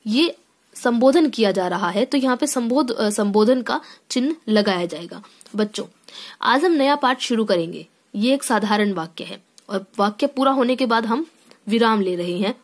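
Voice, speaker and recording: A woman teaching a grammar lesson. She explains step by step, often checks in with "theek hai", and reads each rule aloud before unpacking it. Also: a little high. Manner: reads sentences aloud then explains them.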